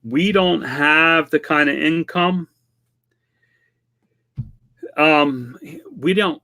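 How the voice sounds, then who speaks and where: A man's voice: fairly high pitch, bright, forceful tone. A man in his fifties, a vlog host chatting casually and plainly as he answers viewer questions, self-deprecating and conversational. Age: 50s. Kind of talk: casual chat.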